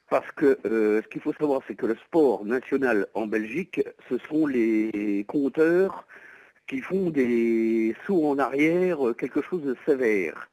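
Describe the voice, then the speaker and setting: On a low-quality telephone line with no room sound, a man with a medium-pitched, slightly mellow voice calls from home. He's privately selling a used van and explains it hesitantly, in a wordy, polite way.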